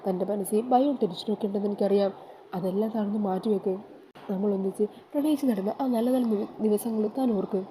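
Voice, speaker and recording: A woman's voice: medium pitch, fast talker, warm tone, slight background noise, close to an everyday voice, low-quality recording. A woman voicing a patient young husband who coaxes and reassures his wife. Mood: soothing. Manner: coaxing, reassuring.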